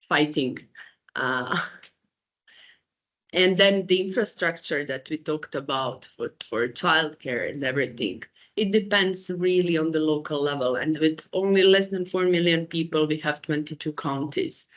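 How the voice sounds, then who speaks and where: A woman from Croatia talks through research findings in a relaxed, conversational manner. Her voice sits a little low, and she often restarts sentences and fills pauses with small hesitations. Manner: chatty, with frequent fillers, restarts and laughs. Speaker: researcher speaking at a panel. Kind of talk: conversational presentation.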